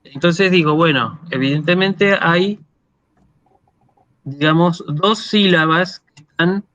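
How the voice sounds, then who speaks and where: A man's voice: fairly high pitch, pushed and bright, no echo. A man with an Argentine Spanish accent gives a university lecture over a video call, explaining patiently and often checking that students follow. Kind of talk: online lecture.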